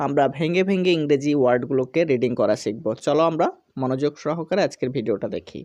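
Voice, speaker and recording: Reading teacher, step-by-step lesson, mellow tone, close dry sound, spells and repeats. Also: medium pitch, fast, no room sound. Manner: spells out letters, sounds each syllable, repeats every word twice.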